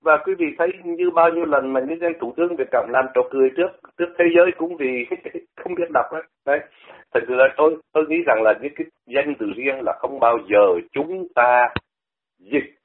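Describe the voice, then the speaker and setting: An older Vietnamese radio commentator, speaking a little fast in a fairly high voice, explains language conversationally. He keeps repeating words to model their pronunciation, and the recording has a phone-like radio quality.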